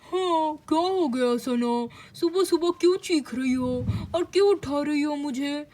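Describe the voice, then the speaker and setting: A woman's voice: sits high, unhurried, darkish tone, a little hiss or hum. A woman voicing an easygoing husband who mildly scolds his wife, in a doll-play story. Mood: scolding calm.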